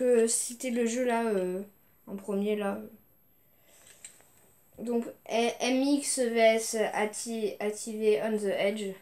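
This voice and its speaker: Her voice on the high side and a little mellow, a young woman chats informally as she shows off her video games. It's a casual unboxing talk marked by hesitation, frequent fillers, and false starts.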